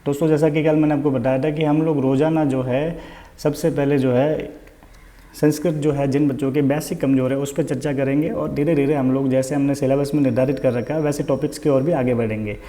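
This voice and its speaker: A man's voice: medium pitch, fairly even intonation, fairly quick, dark tone. A man teaching an online Sanskrit vocabulary lesson, patient and repetitive, who asks the listener questions and then answers them.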